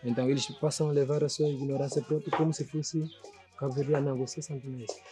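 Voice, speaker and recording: A man's voice: mid-range voice, level tone, fast talker, music in the background. A man from São Tomé with a São Tomé Portuguese accent, a sculptor speaking earnestly and reflectively in a documentary interview, often checking that the listener understands. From São Tomé and Príncipe. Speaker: sculptor and painter.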